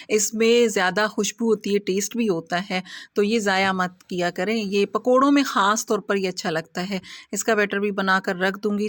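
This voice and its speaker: A woman's voice: mid-range voice, no echo. A middle-aged woman, chatting casually to viewers in a home vlog while she cooks and tidies. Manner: chatty, homely, talks to viewers while working. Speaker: home vlogger.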